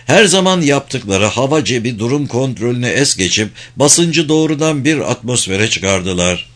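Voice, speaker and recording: A man reading a suspenseful novel aloud in a measured, steady narration. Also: medium pitch. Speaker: audiobook narrator. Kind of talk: scripted narration.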